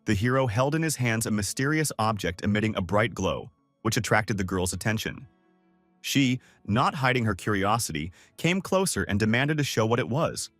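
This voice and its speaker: A man narrating a comic recap in a steady, scripted storytelling read. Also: on the low side, moderate pace, dry recording, faint music behind.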